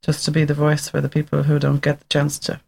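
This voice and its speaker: A man's voice: a little high, completely flat delivery, fast, vocal fry, a little mellow, a little hiss or hum. A man from Waterford with an Irish accent, a musician guest who speaks in an earnest, plain way. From Waterford, Ireland.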